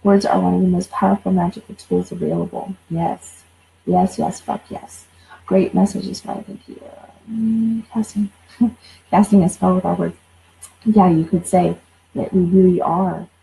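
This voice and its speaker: A woman in her forties speaks as a coach in a loose, blunt, off-the-cuff way, swearing freely. Her voice sits low with a gravelly fry and a dark, mellow color. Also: fairly even intonation, unhurried, rough recording. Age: 40s. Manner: blunt, swears, repeats words when fired up. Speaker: life coach. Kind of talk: casual livestream talk.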